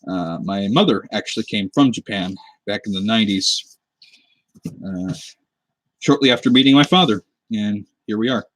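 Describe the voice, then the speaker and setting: Picked up dry by a desk webcam mic, a Pacific Northwest man in his twenties talks at a moderate pace in a lowish voice. He's streaming live from home under a lamp, crafting a cosplay prop and chatting in a rambling, laid-back manner.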